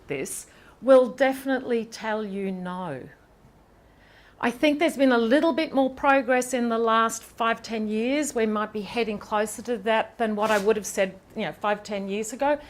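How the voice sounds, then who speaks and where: A woman professor giving a seminar lecture in a lecture hall, lively and chatty, with quick asides and questions to the audience. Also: a little high. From Ireland.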